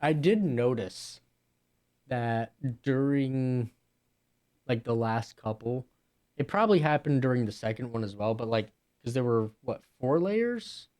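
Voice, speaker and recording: Casual streamer thinking aloud. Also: male voice, medium pitch, animated, measured pace, a little mellow. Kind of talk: casual live-stream reaction chat.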